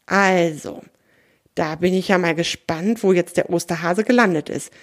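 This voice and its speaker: A woman hosting a children's podcast and reading a story aloud, gently speaking straight to the child listener. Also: fairly low pitch, normal speed.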